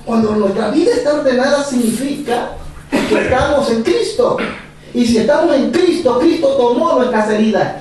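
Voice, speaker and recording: A male pastor preaching a sermon, animated and repetitive, chuckling as he speaks. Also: very high-pitched. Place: church hall. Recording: echoey church from far off.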